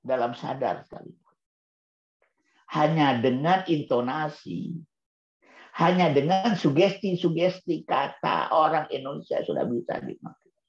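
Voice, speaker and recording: A man with a fairly high, gravelly voice gives an Islamic parenting talk reviewing a book for parents, his pitch swinging widely as he speaks unhurriedly with long pauses. He poses rhetorical questions, answers them himself, and repeats key words for emphasis. The recording sounds roomy and dull.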